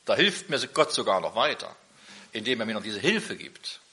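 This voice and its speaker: A man's voice: on the low side, big pitch swings, moderate pace, sharp tone. A middle-aged man preaching a sermon, emphatic, with repeated rhetorical questions.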